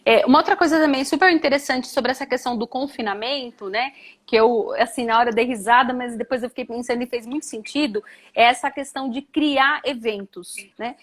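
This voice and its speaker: High-voiced woman, reflective live chat. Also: fairly quick. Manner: reflective, frequent "né?" tags. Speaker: live-stream guest. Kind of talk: conversational live stream.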